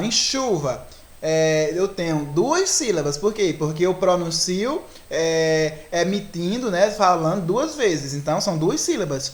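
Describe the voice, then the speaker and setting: A teacher with a Brazilian Portuguese accent and a mid-range voice walks through a grammar lesson step by step, often asking the class if they're following.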